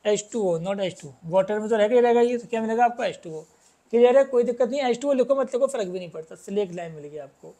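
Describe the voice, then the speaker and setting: A man teaching a chemistry lesson, reading English questions slowly and explaining them, often asking students whether it is clear. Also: high-pitched, expressive, warm tone. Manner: addresses students as "beta", keeps asking if it is clear.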